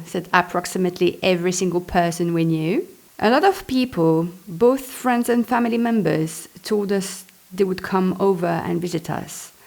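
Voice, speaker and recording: The author, a Belgian woman who grew up speaking French, reads her memoir in a Belgian French accent. Her mid-range voice has a creaky quality, and she talks in a warm, expressive, chatty way, breaking off now and then for spontaneous comments.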